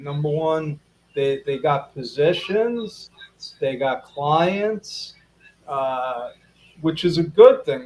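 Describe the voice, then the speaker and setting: A man's voice: a little high, a little mellow, low-quality recording. A man hosting a casual live interview, chatty, repeating himself and talking to viewers as folks. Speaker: interview host.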